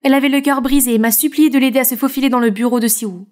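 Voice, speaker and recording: A woman plays a shy young artist narrating her own cartoon story. Her voice is high and expressive, and she tells the events with feeling. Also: rapid-fire, lightly acted. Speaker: narrator and heroine. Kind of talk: animated story dub narration.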